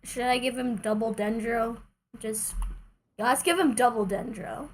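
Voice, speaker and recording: A woman with a slightly high voice streams a game while chatting casually with viewers, thinking aloud in an unhurried way and sounding playfully exasperated. There's a little hiss or hum on the recording.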